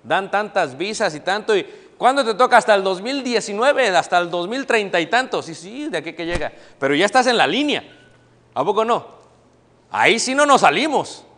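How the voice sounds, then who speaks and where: At a normal speed and in a voice that sits high, a middle-aged man with a Mexican accent preaches in a church hall with a long reverb. He keeps things animated, quizzing the congregation and acting out the people he quotes.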